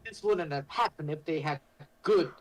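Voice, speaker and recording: Guy with a highish animated voice riffing on a documentary, faint hum behind. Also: brisk, rough recording. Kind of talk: casual joking commentary over a documentary.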